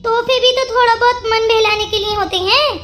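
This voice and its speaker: A high-voiced performer doing a gift-hungry cartoon sister-in-law. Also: fairly even intonation, brisk, sharp tone. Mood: wheedling. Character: proud elder sister-in-law, gift-hungry then repentant. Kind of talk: cartoon voice acting.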